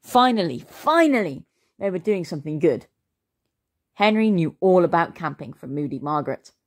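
A woman reading a children's storybook aloud in a slow, expressive way, as the channel's storyteller. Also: low-pitched.

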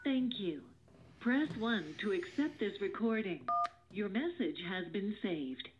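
Automated woman's voicemail prompt over a phone. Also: medium pitch. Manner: even, measured automated delivery. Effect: heard over a phone line. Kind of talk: recorded menu prompts. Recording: tinny phone line with faint hiss.

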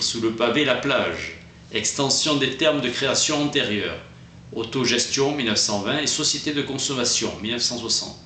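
Guy reading clipped summary notes, bright forceful voice, echoey room with faint hiss. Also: mid-range voice. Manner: terse note-like phrasing with occasional restarts. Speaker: book summary presenter.

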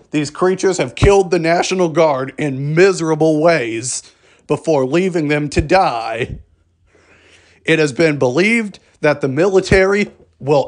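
A man with a fairly high voice reads a scripted emergency alert broadcast, keeping his delivery formal and measured.

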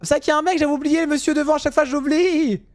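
A young man giving casual, jokey commentary while playing a driving game, now and then yelling at other drivers. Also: very high voice, steady tone, racing. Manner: chatty, jokey, swings to loud yelling at drivers. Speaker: gaming youtuber.

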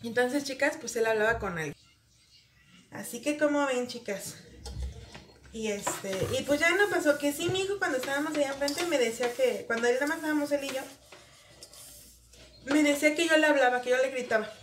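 A woman's voice: high voice, a little fast, long pauses, fairly bright tone, far from the mic, slight background noise. A woman and mother, chatting to her viewers in a casual, rambling way, with many fillers, while washing dishes at home. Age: adult, mother of a grown son. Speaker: vlogger. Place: home kitchen. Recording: roomy, off-mic, with dish clatter. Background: dishes, pots and pans clattering.

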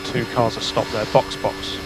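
A man's voice: lowish voice, steady tone, normal speed. A man working as a race engineer, giving clipped, matter-of-fact updates over race car radio and repeating key figures. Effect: team radio transmission.

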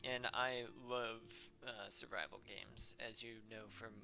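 A man hosting a casual let's-play gaming video, excitable and full of exclamations. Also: on the low side, measured pace, creaky. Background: faint game music.

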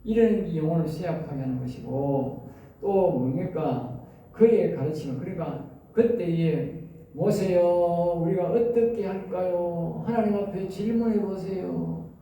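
Dark-voiced man preaching in echoey room. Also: on the high side, expressive, gravelly. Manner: keeps quizzing listeners with quick questions. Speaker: preacher teaching at a seminary. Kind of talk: Bible lecture sermon. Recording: very echoey room, mic far off, faint noise.

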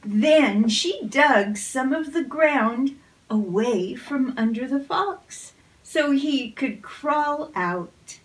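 A woman reading a picture book aloud in a slow, gentle storytelling manner. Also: high-pitched, lively intonation, distant mic. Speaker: storybook reader.

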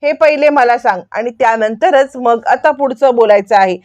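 A woman's voice: fairly high pitch, normal speed, darkish tone, no echo, natural voice. A woman voicing an anxious, scolding young mother in a serial recap. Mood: worried. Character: worried protective young mother.

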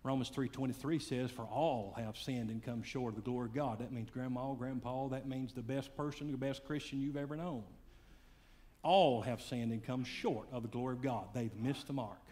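A man preaching a sermon, swinging between loud fiery calls and hushed, quiet lines. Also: mid-range voice, normal speed. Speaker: pastor.

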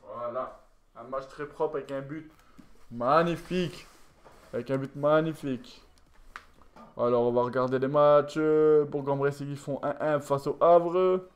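A tired man commentating his own football video game match, swinging from low muttering to shouted goal calls. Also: fairly even intonation, measured pace. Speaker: gaming YouTuber. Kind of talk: live gameplay commentary.

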